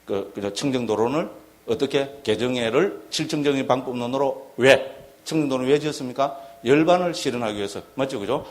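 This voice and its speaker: A middle-aged man, a Buddhist monk giving a dharma lecture, who keeps asking his listeners rhetorical questions and checking that they follow. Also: fairly quick. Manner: acts out shouted quotes in a higher voice.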